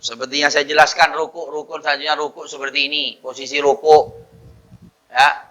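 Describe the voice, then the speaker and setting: A man teaching a mosque study session on prayer, slowly demonstrating recitation and then explaining in quick bursts. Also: fairly high pitch, little pitch movement, pushed and bright, highs cut off. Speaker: religious teacher.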